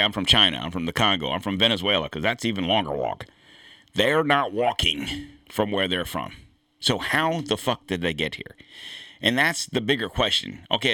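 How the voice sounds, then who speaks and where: A man's voice: fairly low pitch, bright, forceful tone, no room sound, studio quality. A man hosting a political commentary show, talking in a rambling, blunt way with frequent restarts and some swearing. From United States. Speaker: podcast host. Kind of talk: casual political commentary monologue.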